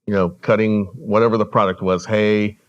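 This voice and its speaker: A man born in El Salvador, a podcast guest telling his family's story in an earnest, measured way. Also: on the low side, little pitch movement, highs cut off. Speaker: guest, regional director. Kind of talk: storytelling interview.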